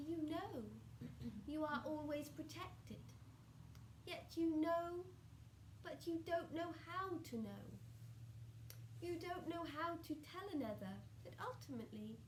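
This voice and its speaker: A loving, solemn spirit speaks through a woman in the manner of a seance medium in trance. The voice is very high and slow, stretching words and letting phrase endings fall to a hush. It sounds in a reverberant room, giving oracular guidance. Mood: serene, solemn. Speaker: trance channeller answering audience questions. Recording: roomy echo with faint background noise.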